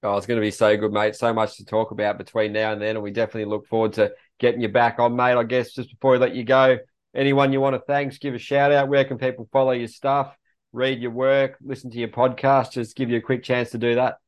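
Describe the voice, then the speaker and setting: An Australian man hosts a podcast in a relaxed, friendly register, talking quickly and calling his guest mate. His voice sits at an ordinary pitch. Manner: easygoing, says mate often. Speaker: podcast host. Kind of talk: casual interview chat.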